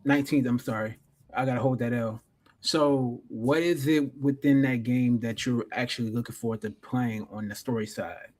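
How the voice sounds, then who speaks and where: A man's voice: medium pitch, fairly even intonation, normal speed, a little mellow. A man co-hosting a gaming podcast, easygoing and joking, steering the chat in slangy, casual speech. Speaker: podcast co-host.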